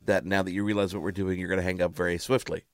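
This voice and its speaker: Low-ish guy radio host just chatting, keeps cutting himself off, dead dry room. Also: little pitch movement, very fast, dry recording. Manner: chatty, self-interrupting, playful. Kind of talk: casual chat.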